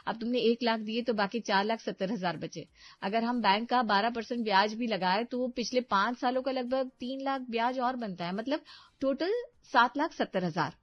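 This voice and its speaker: A woman voicing a calculating young wife who weighs everything in money and speaks in a brisk, lecturing way. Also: on the high side, no room sound, natural voice. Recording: dry, dull lo-fi sound.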